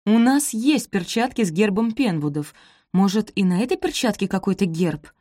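A woman voicing a kind, chattering young daughter who worries over her mother, in a higher voice than her narration. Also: animated, normal speed, dark tone, dry recording, studio quality, natural voice. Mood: eager, worried. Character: kind, eager teenage daughter, naive and chatty.

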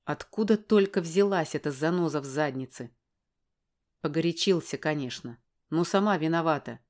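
A woman narrating a first-person audiobook in a brisk, wry storytelling manner. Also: sits low, a little mellow.

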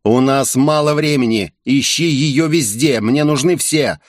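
A man's voice: medium pitch, measured pace, dry recording, studio quality, voice pushed up, lightly acted. A man voicing a scheming, ruthless male terrorist leader who sneers and barks orders in an audiobook. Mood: commanding. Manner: sneering and commanding.

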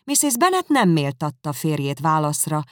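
A woman narrating a classic novel as an audiobook, measured and expressive, close to the mic. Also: low-pitched, no room sound.

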